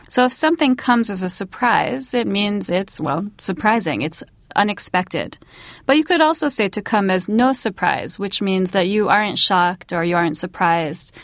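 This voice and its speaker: A woman explaining English phrases and reading example sentences clearly and carefully. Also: medium pitch, no room sound.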